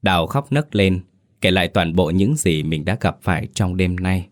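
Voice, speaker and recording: Deep-voiced man narrating a ghost story. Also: moderate pace. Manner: steady, dramatic storytelling.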